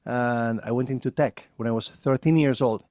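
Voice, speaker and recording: A man from Argentina in his forties, a podcast guest who tells his career story with animated energy and frequent laughter. His voice has a dark, warm tone. The sound is dry and close. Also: mid-range voice, normal speed, no echo. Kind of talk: casual interview.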